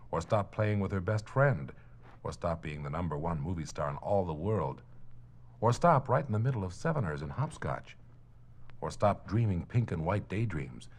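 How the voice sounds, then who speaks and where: A man narrating a children's story in a gentle, playful storytelling manner on an old mono record. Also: low-pitched.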